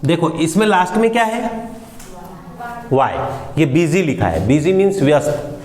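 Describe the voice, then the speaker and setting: Male teacher, animated classroom delivery, keeps quizzing students, roomy long reverb. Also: a little high, moderate pace. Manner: asks students questions and repeats words for them. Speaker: English grammar teacher. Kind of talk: classroom lesson explaining grammar. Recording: echoey room with long reverb.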